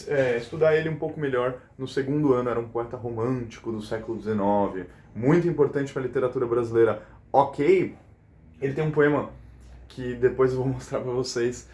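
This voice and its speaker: A man's voice: mid-range voice, a little mellow, a little hiss or hum. A male teacher explaining a poem's syllable count in a recorded class lesson, checking in with his students often. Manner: explanatory, checks in with frequent questions. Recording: roomy echo.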